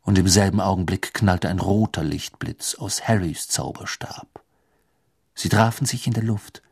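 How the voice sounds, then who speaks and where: A man reading a storybook aloud as narrator, in an expressive, dramatic way. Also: low voice, unhurried, creaky, breathy edge, no echo, studio quality. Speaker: audiobook narrator.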